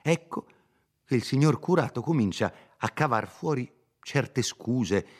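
An honest young village man, as a male reader acts him out pleads earnestly and hurries his words, pitched higher than the narration. He comes from a storybook reading of a classic novel. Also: animated, measured pace, slightly rough. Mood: pleading.

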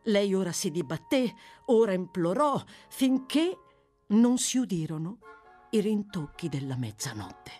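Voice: medium pitch, big pitch swings, a little slow, darkish tone, soft background music. An audiobook narrator reading a classic novel with dramatic, varied delivery. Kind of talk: expressive scripted narration.

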